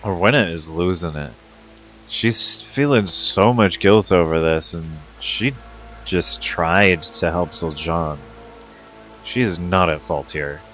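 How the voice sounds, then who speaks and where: A man's voice: sits low, takes it slowly, a bit bright, soft background music. A man reading video game quest dialogue aloud with casual asides.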